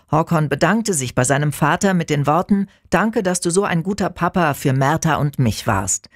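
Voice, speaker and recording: A woman reading a radio news bulletin in a calm, measured, formal way from a studio. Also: low-pitched, no room sound. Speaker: newsreader. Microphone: studio microphone.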